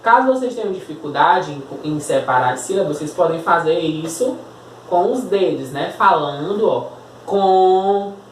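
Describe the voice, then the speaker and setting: A woman's voice: low-pitched, lively intonation, moderate pace, slight background noise. A Brazilian woman teacher with a Brazilian Portuguese accent, giving a recorded lesson, patiently spelling out words and checking in with tag questions. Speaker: school teacher. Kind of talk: recorded remote class lesson. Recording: echoey room, voice a bit far from mic.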